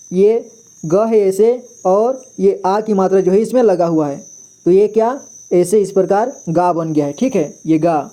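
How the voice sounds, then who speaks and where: A man's voice: high voice, warm tone. A man teaching a beginners' lesson, patiently repeating each syllable and checking that the listener follows. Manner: patient, repeats syllables slowly, often says "theek hai". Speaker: Hindi teacher. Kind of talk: step-by-step lesson.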